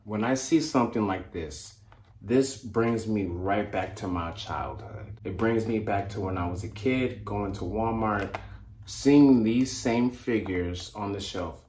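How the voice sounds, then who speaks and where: A man's voice: fairly low pitch, slow pace, a little mellow. A man hosting a toy collecting vlog, talking earnestly and with enthusiasm, often repeating his phrases. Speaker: toy collecting channel host. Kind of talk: casual vlog to camera. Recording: echoey room.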